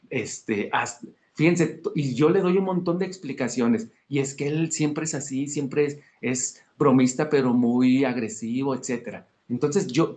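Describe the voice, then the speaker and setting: Male instructor online class, halting explainer, mid pitch, keeps checking in with students. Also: darkish tone. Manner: explanatory, repeats "verdad" and "fíjense" to check in with students; halting, restarts sentences often. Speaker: course instructor. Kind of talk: online lecture. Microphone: video call.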